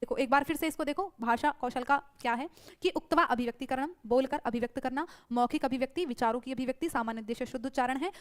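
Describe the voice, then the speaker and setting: A woman's voice: high voice, fast talker, few pauses. A woman teacher giving an online exam-prep lecture, drilling students with repeated rhetorical questions.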